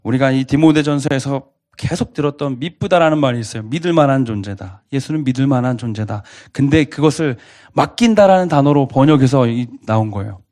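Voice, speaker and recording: Man, pastor, preaching a sermon; earnest and questioning, medium pitch. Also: expressive, brisk, a little mellow. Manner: earnest, asks the congregation repeated questions.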